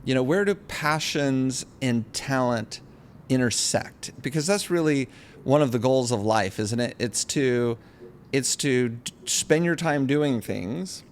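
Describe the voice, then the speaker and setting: In a casual podcast interview, this male host presents his guest and then drifts into reflective, rambling thoughts, frequently starting phrases over. He has a medium-pitched, animated voice and an unhurried pace, with a bit of noise in the background.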